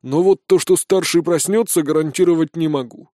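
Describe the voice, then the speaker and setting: A boisterous male dwarf miner speaks in a loud, folksy, proud manner, played by a male audiobook reader. His voice sits a little high and sounds dry and close. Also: fairly quick, dry recording, lightly acted.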